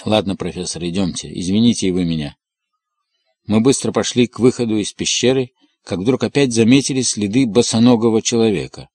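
A man narrating a novel in a steady, measured storytelling manner. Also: on the low side, no echo, studio quality. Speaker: audiobook reader.

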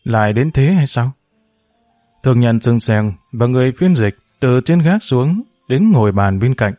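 A man narrating a novel as an audiobook in a steady, measured storytelling voice. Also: mid-range voice, dry recording, clean studio sound, soft background music.

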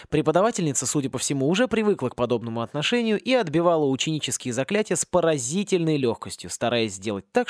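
A man narrating a satirical fantasy audiobook with a lively, expressive reading. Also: a little high, no echo, clean studio sound. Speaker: audiobook reader.

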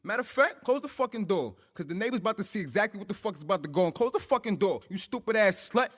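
A young man playing a jealous, violent boyfriend who yells profane threats and then drops into lowered hisses. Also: expressive, fast talker, long reverb tail. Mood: furious. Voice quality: profane, menacing street talk. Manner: yelling, threatening, swinging between shouts and lowered hisses.

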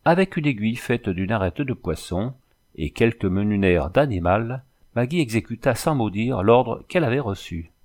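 A man narrates a novel aloud in a steady, even way. His voice sits low, and the reading stays measured from line to line. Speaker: audiobook reader.

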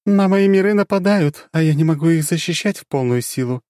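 A man voicing a playful, sly and powerful dark goddess in an audiobook. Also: fairly high pitch, animated, fairly quick, dry recording, studio quality, pitched above the performer's own voice, close to an everyday voice. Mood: grave. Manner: teasing and giggly, turning grave. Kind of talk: audiobook character voice.

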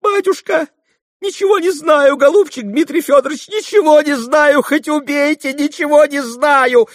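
A man voicing a frightened young maid who pleads in a high, breathless voice. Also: moderate pace, dry recording, clean studio sound. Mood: terrified pleading.

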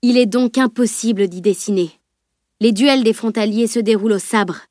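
A woman voicing a seasoned male weapons master who explains things calmly and firmly, in an audiobook. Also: fairly high pitch, normal speed, dry recording, studio quality, lightly acted. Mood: grave. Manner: calm, explanatory, firm. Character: grave grown man, seasoned weapons master.

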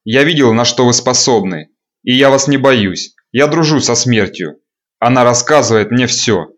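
A man's voice: medium pitch, lively intonation, normal speed, fairly bright tone, natural voice. A predatory necromancer with a contemptuous, taunting way of speaking, as a male audiobook narrator plays him. His voice sits close to the narrator's own, with an edge of scorn. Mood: sneering. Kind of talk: audiobook character voice.

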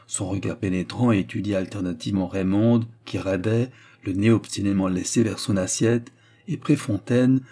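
A man reading a novel aloud as an audiobook narrator, in a measured, even storytelling manner. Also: lowish voice, breathy edge.

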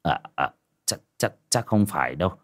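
A man's voice: deep voice, expressive, moderate pace, a bit bright, pitched below the performer's own voice. A man voicing an anxious old village father, stammering and fussing protectively. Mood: flustered. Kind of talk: audiobook character voice.

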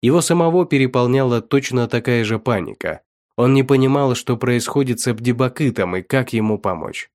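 A male narrator reads a dark story in a steady, measured way. His voice sits at an ordinary pitch. The recording is dry and close, with no room sound. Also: dry recording. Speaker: audiobook narrator. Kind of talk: scripted narration.

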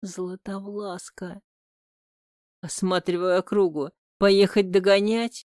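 An audiobook narrator telling a first-person story in an intimate, emotional way. The voice is smooth and clear at an unhurried pace, picked up close on a studio mic with a dry sound. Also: medium pitch, level tone, darkish tone, no room sound.

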